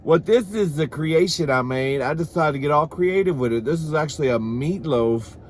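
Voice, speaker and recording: Eating on camera for his comedy mukbang vlog, this man has a somewhat high voice, talks at a normal speed, and is accompanied by a little hiss or hum. His casual comic chatter is campy and sassy, full of "girl" and "honey," and bawdy, with plenty of swearing.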